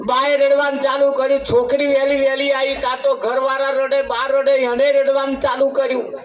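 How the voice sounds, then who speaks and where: High-voiced man preaching in an echoey hall. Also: monotone, moderate pace. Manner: repetitive, chuckling parable-telling. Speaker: spiritual speaker at a devotional gathering. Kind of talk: folksy storytelling sermon. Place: devotional gathering. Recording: echoey room from a distance.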